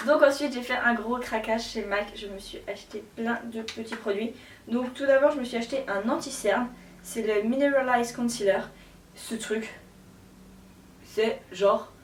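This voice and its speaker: Young woman, beauty vlogger, gushing slangy chat, fairly high voice, echoey room heard from a bit off-mic. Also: far from the mic, slight background noise. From Switzerland. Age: young adult. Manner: gushing, slangy, full of fillers. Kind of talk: casual haul chat to camera.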